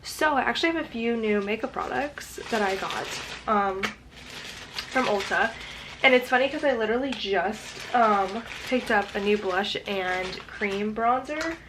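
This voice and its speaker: A young woman with a cold talks to camera in a relaxed makeup vlog. Her voice is stuffy and nasal, and she speaks in a chatty, unscripted way full of "um"s. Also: fairly high pitch, measured pace, noisy background. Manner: chatty with frequent "um" fillers. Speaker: fashion and lifestyle content creator. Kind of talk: casual makeup tutorial vlog.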